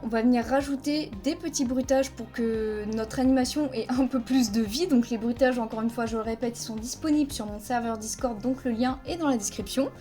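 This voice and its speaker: A woman's warm voice, on the high side, guides viewers through a screen-recorded video editing tutorial via a headset mic. She keeps her explanations of each step plain and counts frames aloud.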